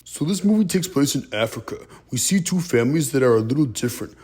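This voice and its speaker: A man's voice: mid-range voice, animated, fast, over music. A man hosting his own channel, casually retelling a film's plot as a movie review in a chatty way.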